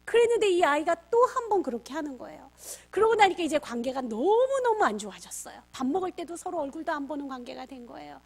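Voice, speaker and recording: A middle-aged woman with a high voice delivers a parenting lecture as a pastor. She tells stories in a lively way and plays out the back-and-forth between parent and child herself. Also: fast, creaky, few pauses. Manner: lively storyteller acting out quoted family dialogue. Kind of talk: storytelling lecture for parents and teachers.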